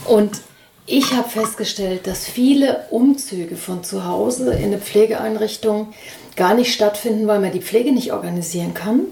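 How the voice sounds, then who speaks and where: A woman's voice: medium pitch, unhurried, vocal fry, a little hiss or hum. A woman hosting a podcast interview, speaking in a conversational, affirming way with frequent fillers. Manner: warm, affirming, many fillers. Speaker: podcast host and politician. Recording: echoey room.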